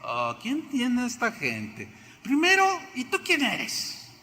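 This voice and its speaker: A high, indignant grumble from an Israelite man who is sick of his leaders, as a preacher acts him out from the pulpit. His mocking, accusing questions pitch upward, and they ring through a large, echoing hall. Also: wildly swooping pitch, slow pace, bright, forceful tone, full character voice. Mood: indignant grumbling.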